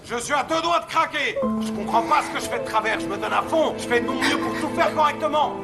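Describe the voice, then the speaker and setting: A man's voice: very high voice, fast, over loud music. A man dubbing an overwhelmed, agitated young father at his wits' end. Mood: frantic. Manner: agitated, shouting. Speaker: father in a dubbed series.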